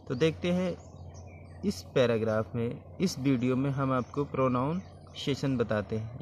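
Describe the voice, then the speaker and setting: A man's voice: a little high, slight background noise. A man teaching English vowel sounds, spelling words out letter by letter and repeating them.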